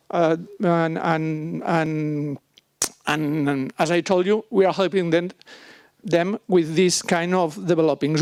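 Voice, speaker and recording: A man from Spain with a Spanish accent, presenting in halting, Spanglish-style non-native English, searching for words. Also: sits high, a little mellow, dry recording, clean studio sound. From Barcelona, Spain. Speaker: software company presenter. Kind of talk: business presentation with questions.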